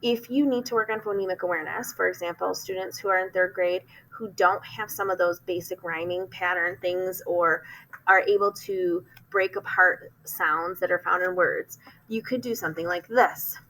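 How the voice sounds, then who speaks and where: A woman's voice: lowish voice, steady tone, normal speed, fairly bright tone, low-quality recording. A woman teacher explaining a classroom phonics activity step by step, with frequent ums and restarts. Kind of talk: instructional explanation.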